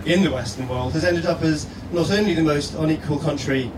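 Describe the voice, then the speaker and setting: Reading a prepared persuasive letter on stage, the guest speaker, a man from Scotland, takes an earnest, rhetorical tone at a fairly quick clip. His pitch leans high. The indoor live event was recorded from a distance in an echoing room with persistent background noise.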